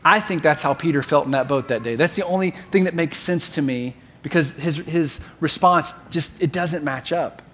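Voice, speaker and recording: A middle-aged man preaching a sermon in an animated, conversational way, acting out voices as he speaks. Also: a little high, normal speed, hardly any pauses. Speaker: pastor.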